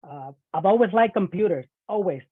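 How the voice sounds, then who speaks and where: A Puerto Rican cybersecurity professional gives a casual webinar presentation over a video call, often repeating and restarting his words. His voice is high, animated, fairly quick and a bit breathy, with no room sound, though the online call audio is thin and phone-like.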